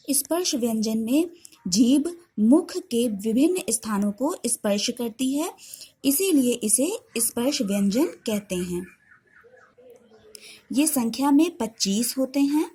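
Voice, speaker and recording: A woman Hindi teacher giving an online grammar class, explaining slowly and clearly with lots of repetition. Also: fairly high pitch, dark tone.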